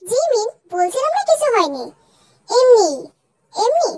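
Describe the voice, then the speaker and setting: A nervous college girl, stammering and flustered, as a young woman voices her in a high, piping tone. The audio carries a faint hiss of background noise. The fan-dub drama delivery stays light and everyday. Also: very animated, measured pace, darkish tone, exaggerated voice. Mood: sheepish.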